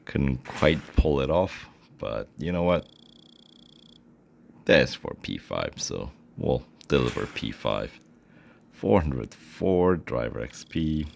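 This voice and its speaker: A man giving casual gameplay commentary, relaxed and thinking aloud with frequent pauses. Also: very deep voice, vocal fry, slight background noise. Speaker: gaming channel host.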